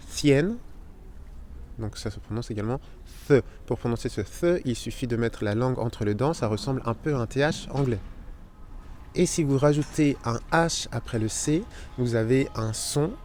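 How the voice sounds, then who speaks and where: A man's voice: medium pitch, darkish tone, a little hiss or hum. Man teaching Spanish letters. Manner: explains slowly, spelling out sounds and repeating them. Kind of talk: language lesson.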